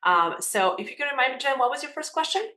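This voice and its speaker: Over a video call in an echoey room, a makeup academy owner in her thirties with a Serbian accent opens up about her life in a casual interview. She speaks quickly in an animated, high, bright, forceful voice, earnestly restarting phrases as she goes.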